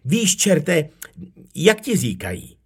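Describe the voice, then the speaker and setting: A man reading a children's storybook, voicing a small friendly male elf who explains things in a high, cheerful voice. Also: huge pitch swings, husky, heavily acted.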